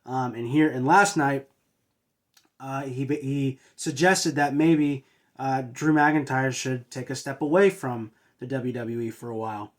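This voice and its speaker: In a mid-range voice with fairly even intonation, a man hosts a wrestling review at a measured pace. His casual recap hesitates a lot, heavy with uhs and restarts.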